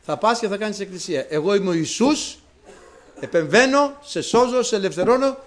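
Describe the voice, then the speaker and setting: A man's voice: sits high, lively intonation. A man voicing Jesus in a sermon story, calling out insistent repeated questions and commands. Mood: urgent, commanding. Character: Jesus speaking to a traveller, commanding and urgent.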